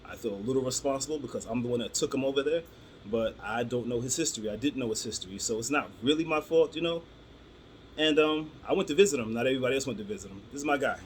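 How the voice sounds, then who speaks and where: A man in his forties tells stories to camera in a loose, conversational way. He rambles, restarts and fills pauses with "um". His voice sits in an ordinary middle pitch, with a faint hiss behind it. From Brooklyn, New York. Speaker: vlogger telling personal stories. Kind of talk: casual storytelling to camera.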